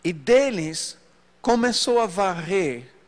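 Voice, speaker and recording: A man preacher telling a story from the pulpit in an animated sermon. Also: takes it slowly. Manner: storytelling, animated pitch swings. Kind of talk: sermon testimony. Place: church hall. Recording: long hall reverb.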